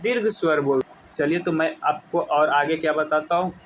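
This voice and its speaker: A man teaching a Hindi grammar lesson for exam prep, asking questions and answering them himself, and slowly stretching words out as he goes. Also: fairly high pitch, a little hiss or hum, low-quality recording.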